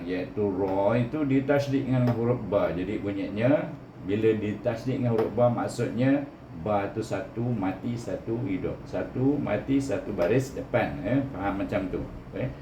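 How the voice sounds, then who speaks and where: A Malaysian man with a fairly low voice gives a step-by-step recitation lesson. He over-enunciates, sounding out each syllable with a teacher's care. The room is clearly echoey, with faint noise behind him. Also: moderate pace. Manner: didactic, often ends points with a short "eh" tag. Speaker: Quran reading teacher.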